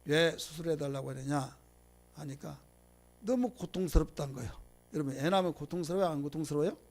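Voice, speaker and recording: Korean pastor preaching with loud swings. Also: male voice, a little high, quick pace. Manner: call-and-response preaching, asks the congregation to repeat; loud bursts of emphasis swinging to quiet asides. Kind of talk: sermon lecture.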